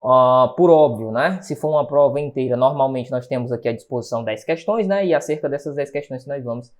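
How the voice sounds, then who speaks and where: A Brazilian man leads an online exam-prep lesson in a lively, chatty way. He keeps tossing quick check-in questions at his viewers as he walks through each point. His voice sits at an ordinary middle pitch. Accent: Brazilian Portuguese. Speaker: exam-prep Portuguese teacher.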